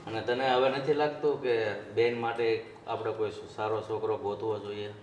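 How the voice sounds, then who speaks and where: An actor playing a calm, fatherly older man of the household in a Gujarati film drama. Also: on the low side, moderate pace, muffled recording, natural voice. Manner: calm, fatherly, plain-spoken. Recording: roomy, distant mic with faint hum.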